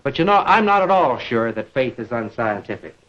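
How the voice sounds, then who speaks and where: Posing rhetorical questions in a measured, deliberate lecture, a middle-aged American man narrates an educational 1950s film soundtrack. His pitch is medium and his delivery very animated, with the high frequencies cut off.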